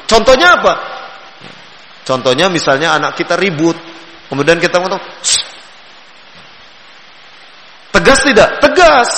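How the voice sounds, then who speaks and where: A man giving a gentle sermon on raising children, repeating key phrases and drawing out his tones. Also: high-pitched. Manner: gentle, repetitive teaching with drawn-out tones. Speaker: Islamic preacher. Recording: echoey hall with long reverb.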